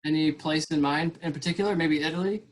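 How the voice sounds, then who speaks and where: Higher-voiced easygoing male podcast host. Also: fast. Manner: easygoing, chatty, trails off mid-thought. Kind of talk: casual interview chat.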